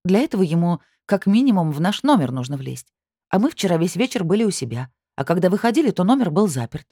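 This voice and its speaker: A woman's voice: lowish voice, big pitch swings, fast, dark tone, breathy edge, no room sound, clean studio sound, voice pushed up, full character voice. A woman reading an audiobook, voicing a mild, reasonable adult daughter puzzling things out. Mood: reasoning.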